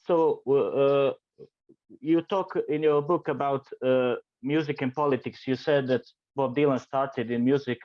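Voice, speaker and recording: A man from Montenegro hosting an interview in English, a non-native speaker asking questions slowly with many hesitations. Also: medium pitch, fairly even intonation, no room sound. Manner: slow, hesitant, with many uhs. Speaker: podcast host. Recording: dull lo-fi sound.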